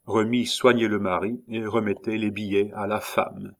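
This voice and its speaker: A man narrating a classic novel in a measured, expressive reading. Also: lowish voice. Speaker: audiobook narrator. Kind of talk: scripted literary narration.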